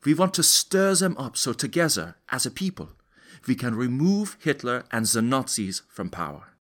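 A man's voice: medium pitch, big pitch swings, normal speed, fairly bright tone. An actor playing an earnest young male student who leads a resistance group, explaining things step by step in a dramatized historical interview. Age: 20s. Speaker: interview guest.

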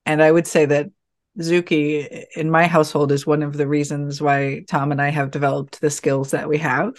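A woman giving calm, measured and reassuring advice in a relaxed conversation. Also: low-pitched. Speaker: podcast guest.

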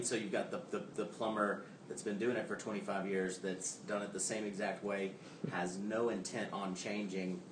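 Brief: male audience member, rambling question, distant and roomy, clear crowd-room noise. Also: fairly low pitch. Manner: rambling, searching for words.

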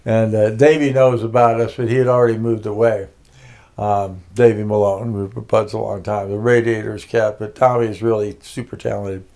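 A man's voice: on the low side, little pitch movement, moderate pace, dark tone. An older man from Connecticut, a music producer being interviewed, telling his life story casually with many fillers and restarts.

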